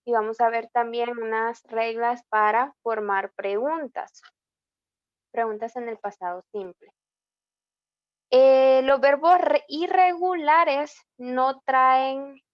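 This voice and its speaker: A woman's voice: a little high, no room sound. A woman with a Salvadoran accent tutoring an online English class, explaining grammar rules step by step in a mix of Spanish and English and checking in with a frequent "ok?". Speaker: English teacher. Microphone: computer mic in an online class. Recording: dull, lo-fi online class audio.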